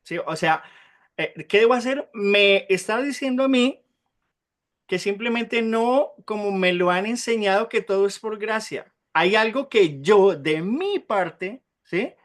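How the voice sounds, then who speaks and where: A man teaching an interactive Bible class, often asking the group questions and checking in with a quick "right?", and slowly spelling out Hebrew terms. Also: high-pitched, expressive, a bit bright.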